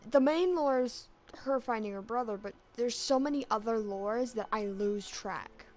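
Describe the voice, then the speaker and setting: A woman chatting casually as a fan vlogger, rambling and excitable with lots of restarts, her voice cracking slightly from being sick. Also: a little high, normal speed. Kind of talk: casual chat.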